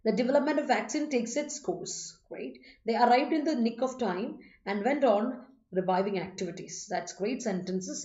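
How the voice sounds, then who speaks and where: A woman's voice: a little high, animated, extremely slow, a little mellow, echoey room, dull audio. A woman with a Malayali accent teaching English in a live online class. She mixes English with Malayalam and corrects students by name.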